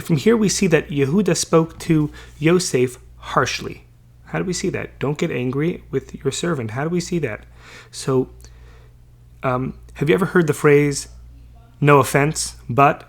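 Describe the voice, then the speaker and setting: Male Bible teacher, slightly high voice, casual and talky, slow verse readings, lots of checking questions. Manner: chatty, many fillers and checking questions; reads verses slowly, then translates.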